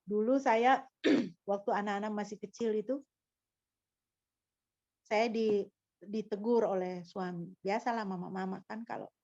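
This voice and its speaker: A woman pastor with a somewhat high voice preaches a sermon in a didactic, teaching manner, often putting rhetorical questions to the congregation. The recording is dry and dull.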